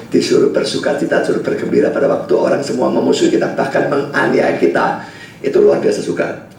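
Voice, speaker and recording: A male pastor preaching a sermon, swinging from quiet asides to shouting. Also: on the low side, creaky, slight background noise. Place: church hall. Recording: echoey hall, distant mic.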